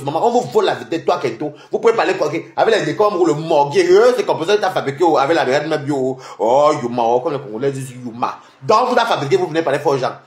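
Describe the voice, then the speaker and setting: Taunting man with a lively high voice. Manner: taunting, mocking, rapid-fire. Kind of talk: heated livestream rant. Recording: echoey room.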